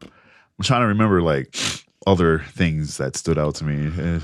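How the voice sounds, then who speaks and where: A man's voice: very deep voice, normal speed, dry recording, studio quality. A man co-hosting a podcast in casual, profane, laid-back banter. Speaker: podcast co-host. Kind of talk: casual chat.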